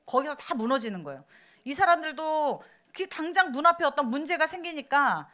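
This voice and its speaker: A woman preaches a sermon in church, her voice pitched high and swinging widely up and down. She talks conversationally, putting questions to the congregation, and acts out angry outbursts in a raised voice. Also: animated, normal speed, bright, forceful tone. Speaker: missionary preacher.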